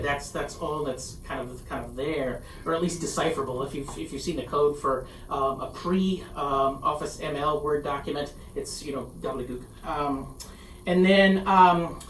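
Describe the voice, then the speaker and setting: A halting, casual presenter talks through a conference session, self-deprecating and loose. The voice sits at a middling pitch and comes from a distance, picked up across a roomy, echoing space with a faint hiss underneath. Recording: echoey room, distant mic, faint noise.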